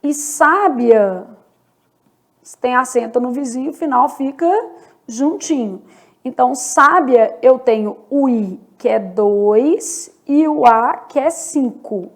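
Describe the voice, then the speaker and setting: A woman's voice: high voice, a little slow. A woman teaching Portuguese in an online lesson, explaining step by step and often checking in with the viewer. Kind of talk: online exam-prep lesson.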